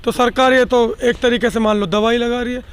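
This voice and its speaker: A man's voice: very high-pitched, fairly even intonation, fairly quick, fairly bright tone, clear, resonant tone. A man interviewed on the street, arguing his point emphatically. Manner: argumentative, emphatic.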